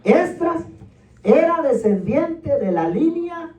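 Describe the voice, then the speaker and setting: A man's voice: very high-pitched, big pitch swings, slow, darkish tone. A man teaching a Bible class as pastor, calling on listeners to repeat words and tagging lines with questions, heard from a distance in an echoey room. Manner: keeps asking listeners to repeat words after him; tags lines with rhetorical "¿verdad?" and "amén". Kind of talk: Bible teaching with call-and-response. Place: church meeting room. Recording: echoey room, voice far from the mic.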